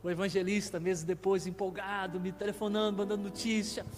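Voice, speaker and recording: A Brazilian guest pastor with a high voice speaks briskly and flatly while preaching a personal testimony in a church sanctuary. He tells it as a vivid storyteller, acting out the dialogue, in a reverberant hall with faint music.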